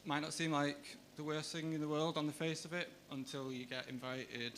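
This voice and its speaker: A man doing stand-up comedy on a comedy club stage, with a deadpan, hesitant delivery. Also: a little high, normal speed, a little hiss or hum.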